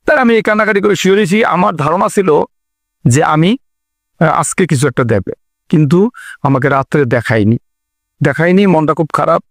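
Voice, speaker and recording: Man, young adult, personal testimony, hesitant fillers, slightly high voice, dry close sound. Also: no echo. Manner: earnest, halting storytelling with many fillers. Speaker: convert telling his story.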